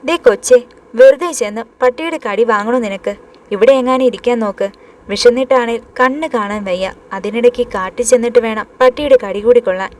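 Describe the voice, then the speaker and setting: A woman voicing a grumbling, cowardly young man in a read-aloud horror story, complaining loudly. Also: on the high side, fairly quick, natural voice. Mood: scolding.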